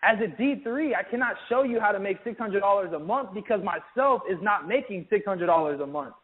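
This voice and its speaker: Guy with a pretty high voice pumping up his team at a sales training, sounds tinny like a phone line. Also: a little fast. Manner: energetic, keeps saying "guys", acts out sample calls. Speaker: business trainer. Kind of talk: motivational training talk.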